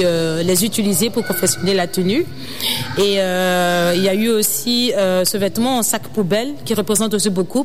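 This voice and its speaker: A young woman from Ivory Coast, a student designer and activist, answering interview questions earnestly, often pausing with fillers. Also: fairly low pitch. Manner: earnest, hesitant with many fillers.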